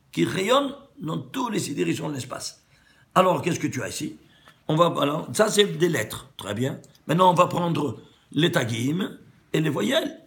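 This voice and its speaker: Un rabbin qui donne un cours de Torah sur les valeurs numériques, animé, qui pose ses propres questions et se reprend souvent. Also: male voice, a little high, vocal fry. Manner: animated, asks and answers his own questions, stumbles and repeats words. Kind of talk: Torah lesson on gematria.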